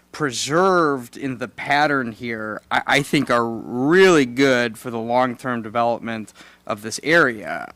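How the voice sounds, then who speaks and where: Man, board member, thoughtful, measured, dry close sound. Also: mid-range voice, a bit bright, no room sound. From local area. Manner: measured, thoughtful, some hesitations. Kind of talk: public meeting discussion.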